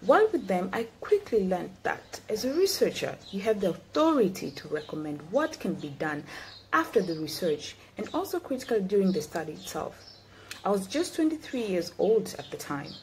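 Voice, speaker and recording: This guest speaker, a woman in her twenties from Tanzania, reads a prepared speech earnestly and in a measured way to a youth forum. She has a mid-range, sing-song voice, heard through a laptop webcam on a video call in an indoor room with slight background noise.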